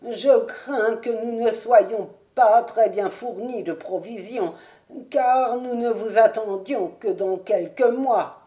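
A woman's voice: on the high side, takes it slowly, mellow. A woman voicing a fussy, anxious old male castle servant with a quavering voice in an audiobook. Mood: fretful. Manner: quavering, fretful, exclaiming.

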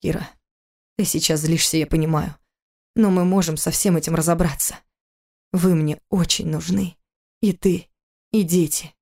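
A woman reading an audiobook, voicing a brooding estranged husband who talks in a low, growling, resentful way. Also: steady tone, a little fast, a little mellow, close to an everyday voice.

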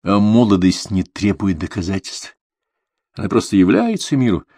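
Male narrator, low husky voice, lively and expressive delivery, dry close sound. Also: moderate pace, no echo. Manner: intimate, addressing his son. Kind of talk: audiobook reading of a confessional novel.

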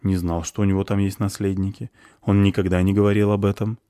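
An impulsive young man, weighed down by guilt and speaking in an agitated way, as a man reads him. The voice stays close to the reader's own, warm and low in a dry space. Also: little pitch movement, quick pace, clear, resonant tone, lightly acted. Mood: troubled. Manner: agitated, remorseful.

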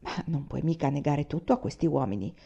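A hard, calm male rebel leader speaks bluntly, without sentiment, as a woman reads him. The voice is mellow and soft-edged. The audio is slightly muffled and dull. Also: mid-range voice, normal speed, lightly acted. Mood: cool. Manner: cool, blunt, unsentimental.

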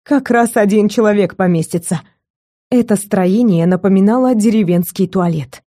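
A woman narrating a first-person novel as an audiobook, telling it in an expressive, intimate way. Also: mid-range voice, normal speed, no room sound, studio quality.

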